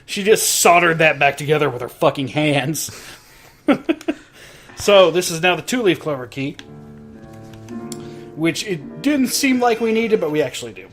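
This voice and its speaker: A man's voice: a little high, lively intonation, a little slow, long pauses, fairly bright tone. A young man hosting a let's play, explaining the game in casual, profane commentary with frequent laughs. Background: game music.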